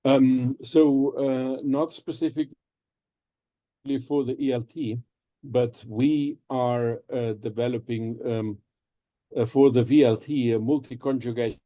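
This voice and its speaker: A man's voice: mid-range voice, steady tone, measured pace, mellow, dry recording. A man giving a conference talk and Q&A remotely over a patchy video call, hesitant with many ums and restarts. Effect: remote talk over a patchy video call link. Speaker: presenter answering audience questions. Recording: muffled, dry video call audio.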